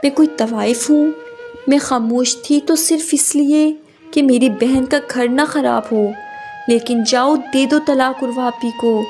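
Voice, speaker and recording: A woman's voice: high voice, steady tone, darkish tone, faint music behind. A woman voicing a wronged young woman who scolds angrily in a read-aloud story. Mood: bitter scolding. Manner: angry, scolding.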